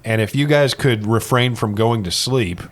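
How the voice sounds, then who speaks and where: A man's voice: medium pitch, normal speed. A man chatting casually as a player and host on a tabletop gaming podcast. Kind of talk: casual tabletop game chat.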